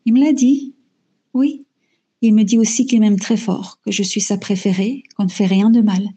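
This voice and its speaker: Soft-toned woman, halting first-person testimony. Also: mid-range voice, steady tone, husky. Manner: hesitant, with frequent fillers and repeated words. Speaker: guest telling her own story. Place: lives in Belgium.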